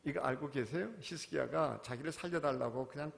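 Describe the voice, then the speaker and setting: A male pastor preaching a sermon, swinging from quiet, questioning asides to loud, impassioned cries. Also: mid-range voice, fairly quick, vocal fry. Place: church sanctuary. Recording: long reverb of a church hall.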